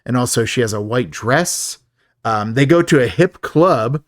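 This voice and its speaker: A man's voice: medium pitch, lively intonation, measured pace, no echo, clean studio sound. A man co-hosting a podcast, recapping a film in a chatty, joking way and laughing often. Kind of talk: casual chat.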